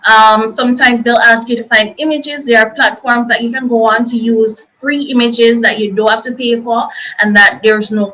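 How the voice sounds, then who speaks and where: Bright-voiced woman giving a chatty workshop. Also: fairly high pitch, rough recording. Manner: chatty, explanatory, loose and repetitive phrasing. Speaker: workshop presenter. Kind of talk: informal online workshop talk.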